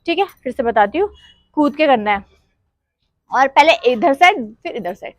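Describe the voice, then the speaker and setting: A woman's voice: high-pitched, lively intonation, moderate pace, dry recording. A woman teaching a dance class step by step, counting beats aloud and half-singing song lines as she demonstrates.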